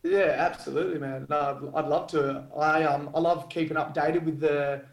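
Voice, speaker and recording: A man's voice: on the high side, fairly even intonation, normal speed, gravelly. An Australian man speaking as a podcast guest in casual, slangy, matey interview chat. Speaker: podcast guest, Muay Thai fighter. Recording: roomy, echoing sound.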